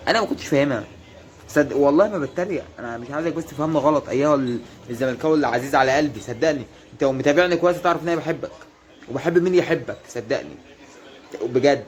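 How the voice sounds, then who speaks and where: A man with an Egyptian Arabic accent in a casual monologue to rival football fans. He teases them in a mock-earnest way and keeps repeating reassurances. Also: medium pitch. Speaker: football fan vlogger.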